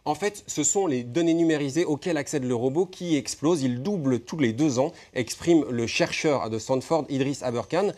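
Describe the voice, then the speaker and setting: A man's voice: on the high side, moderate pace, hardly any pauses, darkish tone. A man giving explanatory technology commentary in a television studio, leaning on key words.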